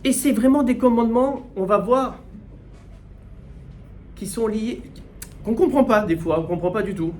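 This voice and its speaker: Animated rabbi teaching Torah. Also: male voice, sits high, measured pace, long pauses, a little hiss or hum. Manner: animated, rhetorical questions, repeats words while searching. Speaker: rabbi teaching the weekly portion. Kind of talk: Torah class, spoken teaching.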